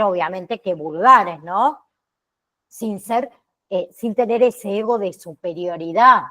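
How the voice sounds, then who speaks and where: Slow, deliberate woman teaching a class. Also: medium pitch. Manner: checks in with frequent "¿sí?" tags; slow and deliberate, with pauses and fillers. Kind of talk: online class lecture.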